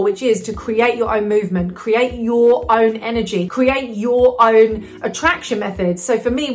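A woman business coach talking casually to camera, upbeat and chatty, with lots of "you know" fillers. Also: a little high.

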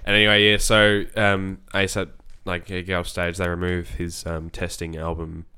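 Young kiwi guy telling a hype story on a podcast, deepish voice, keeps acting out what people said. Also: moderate pace, smooth. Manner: excited storytelling, acts out quotes. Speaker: podcast co-host. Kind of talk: casual chat.

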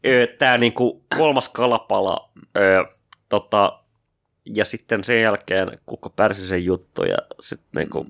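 A man's voice: fairly low pitch, vocal fry, a bit bright. A man co-hosting a podcast in casual chat, hesitant with many fillers and frequent swearing. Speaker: podcast co-host.

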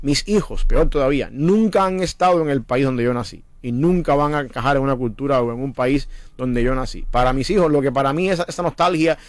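A middle-aged pastor hosts a radio talk show, speaking very quickly in a medium-pitched voice. He hammers his points home and repeats them in an emphatic, preachy style. His voice sounds dry and close in the studio. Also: dry recording. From Cuba.

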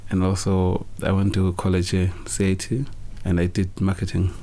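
A young man from Zimbabwe answering interview questions in a relaxed, hesitant way, with many fillers and restarts. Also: low-pitched, normal speed. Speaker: interview guest, business founder.

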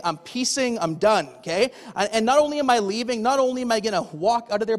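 A pastor preaching a conversational sermon, often checking in with "okay?" and asking the congregation questions. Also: male voice, very high voice. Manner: asks the audience rhetorical questions. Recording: long hall reverb.

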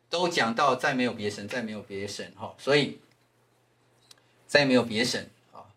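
A man with a Taiwanese Mandarin accent, a pastor teaching a Bible class in a lively lecturing way, repeating phrases and tagging sentences with "ha". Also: mid-range voice. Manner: animated, repeats phrases, frequent "ha" tag fillers.

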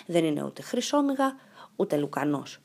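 A gentle, well-behaved little girl, read by a woman who speaks softly and curiously. The voice stays quiet and polite in a storybook reading. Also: sits low, big pitch swings, vocal fry, heavily acted.

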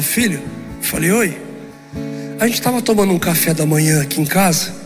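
Male preacher, high voice, storytelling sermon, reverberant church hall. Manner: animated storytelling, acting out dialogue.

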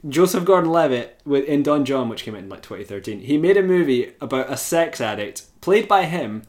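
A man's voice: medium pitch, sing-song, fairly quick, a little mellow. A man co-hosting a casual film chat, wry and mocking in his jokes. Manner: wry, mocking, laughs often. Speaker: podcast co-host.

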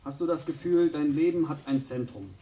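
An actor playing a male voice that interrogates a traveler, firing questions without pause. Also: fairly high pitch, dark tone, recorded from a distance, natural voice. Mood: probing. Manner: relentless, rapid-fire questioning.

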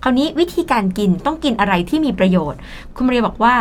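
A woman's voice: a little high, lively intonation, fast, a little hiss or hum. A Thai woman with a Thai accent co-hosting an English lesson show, explaining words in Thai and mixing in English, often laughing. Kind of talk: bilingual radio English lesson chat.

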